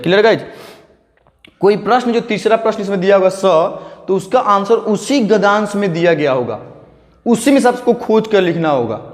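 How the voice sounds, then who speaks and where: A man's voice: on the high side, in a large hall. A young man teaching an exam prep lesson in a casual, coaxing way, asking questions and answering them himself, with English words mixed in. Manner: coaxing, asks and answers his own questions; mixes English words into speech.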